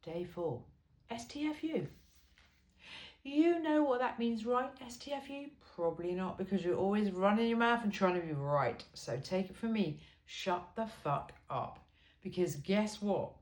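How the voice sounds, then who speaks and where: A woman of medium pitch and darkish tone reads expressively and a little slowly from a humorous self-help book. It's an informal read-aloud full of chatty asides, wry and emphatic in manner, recorded with a roomy, echoey sound.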